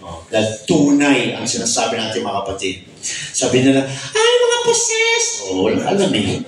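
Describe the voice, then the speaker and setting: A man's voice: lowish voice, lively intonation, brisk. A man preaching a Bible study sermon, emphatic and calling out praise often, mixing Tagalog and English. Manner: shouts when preaching. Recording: echoey room, mic far off.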